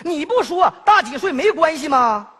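A man's voice: extremely high pitch, very animated, moderate pace, sharp tone, long reverb tail, heavily acted. An actor playing a well-off city man who placates his pushy cousin, exasperated and often laughing, in a Northeast Chinese accent. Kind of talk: comedy sketch dialogue.

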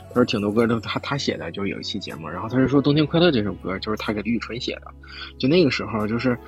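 A man's voice: lowish voice, lively intonation, very fast, lo-fi sound, soft background music. A man co-hosting a podcast, chatting casually and telling anecdotes. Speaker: podcast co-host.

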